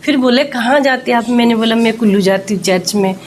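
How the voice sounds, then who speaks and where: A woman's voice: on the high side, a little fast, a little hiss or hum. A woman, telling a church testimony and acting out the quoted speech as she goes. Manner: storytelling, acts out quoted speech. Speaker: church member sharing a testimony. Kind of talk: testimony told to an interviewer.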